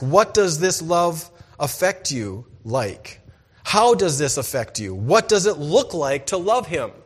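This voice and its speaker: A pastor preaches a sermon in church, posing rhetorical questions and calling out for "amen". He swings between loud, emphatic lines and quiet, low asides.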